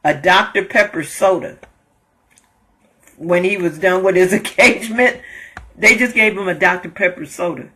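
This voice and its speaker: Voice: medium pitch, normal speed, long pauses, bright, forceful tone, breathy edge. A host telling a story in a casual monologue, laughing often and repeating phrases as they go. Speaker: host sharing inspirational thoughts.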